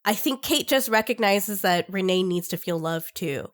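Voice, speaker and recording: A woman co-hosting a casual comics podcast, talking warmly and emotionally and laughing often. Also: mid-range voice, animated, normal speed. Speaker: podcast co-host. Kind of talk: casual chat about comics.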